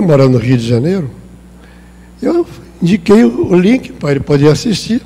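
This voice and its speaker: A man's voice: sits high, gravelly, warm tone. A man with a Brazilian Portuguese accent giving a conversational spiritist talk, acting out little dialogues as he teaches. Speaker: spiritist lecturer. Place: spiritist center hall. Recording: long hall reverb.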